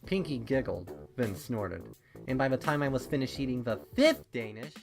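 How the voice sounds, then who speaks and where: Audiobook-style narrator, middle pitch, lively and expressive, faint background music. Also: normal speed. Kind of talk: scripted narration of fan fiction. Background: soft background music.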